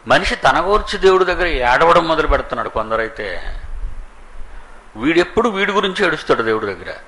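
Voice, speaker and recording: A man's voice: fairly high pitch, very animated, a little fast, sharp tone, poor audio. A man preaching a sermon, scolding and mocking as he acts out quoted people.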